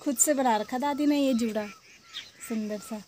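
Young woman vlogger, slightly high voice, chatty, faint noise behind. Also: normal speed. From Uttarakhand, India. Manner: chatty, addresses viewers, sometimes whispers. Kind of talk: casual vlog narration.

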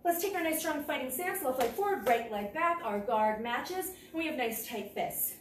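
In a large indoor martial arts gym with mats, a young woman leads a kickboxing workout, calling out moves in clipped cues while exercising herself. Her voice is high and expressive at a normal speed, and the far-off camera picks up echo and plenty of noise.

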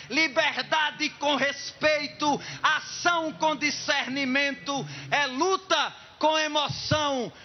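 A man from Pernambuco, Brazil, declaiming rhyming folk poetry on an outdoor festival stage, shouting and chanting his verses to a crowd. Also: very high-pitched, dull audio, slight background noise. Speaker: poet performer on stage.

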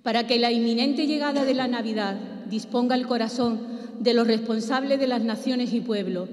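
A woman lector reading the intercessions at Mass in a measured, solemn way. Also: on the high side, a little mellow. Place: large church. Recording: echoey church with long reverb.

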